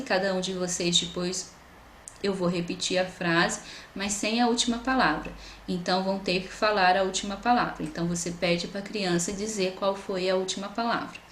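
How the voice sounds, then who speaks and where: A woman's voice: medium pitch, a bit bright, reverberant, a little hiss or hum. A woman teaching an online class, explaining step by step in a patient way and often repeating words as she goes. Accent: Brazilian Portuguese. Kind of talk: recorded online lecture.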